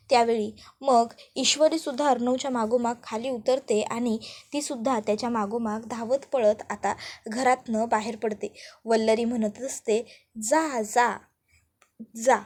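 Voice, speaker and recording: A woman's voice: a little high, fairly even intonation, normal speed, darkish tone. A woman narrating a recap of a TV serial episode, retelling it with dramatic pacing.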